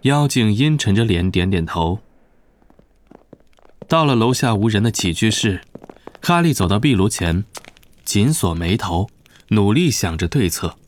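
A man reading a novel aloud as narrator, in a steady, even storytelling manner. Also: on the low side, measured pace, long pauses. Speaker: audiobook narrator. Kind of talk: scripted narration.

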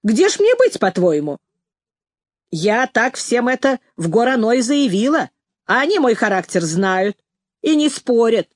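A woman's voice: a little high, lively intonation, dry recording, clean studio sound. Woman voicing a stern little old headmistress. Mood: scolding. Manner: brisk, bossy, scolding. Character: stern tiny gray-haired old headmistress, brisk. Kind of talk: audiobook character voice.

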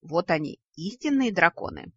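A woman's voice: on the low side, big pitch swings, moderate pace, fairly bright tone, husky, no echo, dull audio, exaggerated voice. A woman reading a story, voicing a chubby, greedy male creature who bickers indignantly over money. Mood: gushing. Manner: indignant, squabbling.

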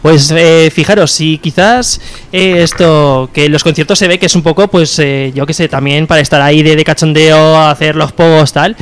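A man hosts a loose, casual radio interview. His voice sits a little high and he restarts his sentences a lot. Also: fairly even intonation, moderate pace, a little hiss or hum. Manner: chatty, many fillers and restarts. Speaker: radio host.

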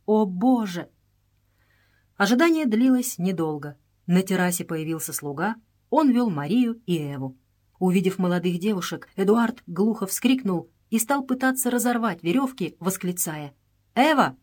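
A woman narrates an adventure novel in a steady, even storytelling voice. Her pitch sits in the middle range, and she keeps the reading measured. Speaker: audiobook reader. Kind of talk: scripted narration.

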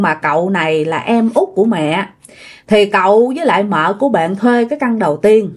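A woman with a Southern Vietnamese accent narrating ghost stories in a chatty way, speaking directly to her listeners. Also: mid-range voice. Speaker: storyteller.

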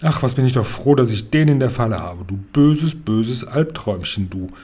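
A man reading aloud, voicing a big, kindly old male giant who gets excited and mixes up his words. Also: mid-range voice, fast talker, natural voice. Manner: excited, garbled word choices.

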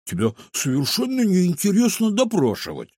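A man's voice: high voice, huge pitch swings, moderate pace, a little mellow, breathy edge, dry recording, studio quality, pitched above the performer's own voice, heavily acted. A man reading a children's audiobook, voicing a bossy, commanding male animal detective. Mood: stern. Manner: stern, commanding. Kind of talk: audiobook character voice.

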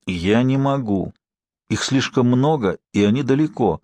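A man's voice: medium pitch, expressive, measured pace, darkish tone, no room sound, lightly acted. A man voicing a desperate young sorcerer. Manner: pleading, strained.

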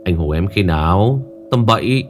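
A man voicing a calm, reassuring young husband. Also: sits low, normal speed, soft background music.

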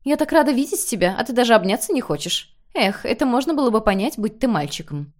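A woman's voice: fairly high pitch, sing-song, fast, darkish tone, voice pushed up. A woman voicing a dramatic, self-pitying middle-aged mother who was once an actress, pleading theatrically. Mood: wheedling.

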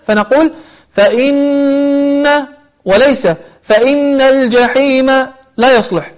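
A man teaching a tajweed lesson, explaining recitation rules and then chanting verses slowly with long drawn-out vowels. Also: very high-pitched.

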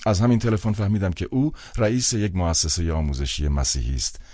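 A man reads a literary novel aloud in a measured, wry first-person manner. His voice is extremely deep. The recording is dry and close, with no room sound. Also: dark tone, no echo. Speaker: audiobook narrator. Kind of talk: literary audiobook narration.

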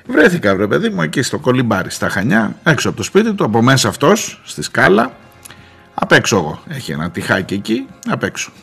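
A man, a journalist, telling a wry anecdote on the radio with lively asides. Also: medium pitch, creaky, breathy edge, faint music behind. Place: radio studio.

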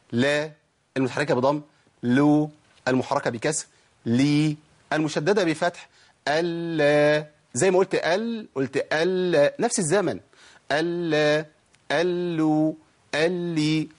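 A man's voice: medium pitch, slightly rough. A man with an Egyptian accent teaching a tajweed lesson, asking his listeners questions and demonstrating each sound. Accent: Egyptian Arabic. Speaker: Quran recitation teacher.

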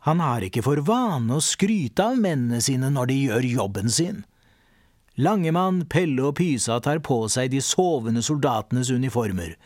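A man narrating a children's audiobook in a lively storytelling manner. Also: mid-range voice, no room sound. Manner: lively storyteller, voices all the characters.

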